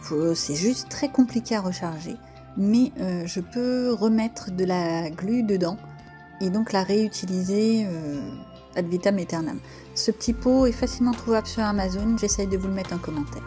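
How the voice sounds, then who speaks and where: A woman's voice: medium pitch, normal speed, warm tone, soft background music. A French-accented woman chatting casually through a crafting tutorial, self-deprecating and full of fillers. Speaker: crafting vlogger.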